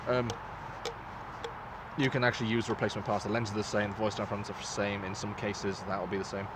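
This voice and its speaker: A man's voice: fairly low pitch, flat delivery, fast talker, heavy background noise. A man giving a casual, informal product review as the host, talking in a loose, sweary way. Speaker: host reviewing gas masks.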